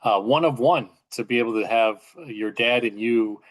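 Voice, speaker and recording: A man's voice: mid-range voice, moderate pace, low-quality recording. A man hosting a podcast interview, enthusiastic and full of fillers. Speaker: podcast host.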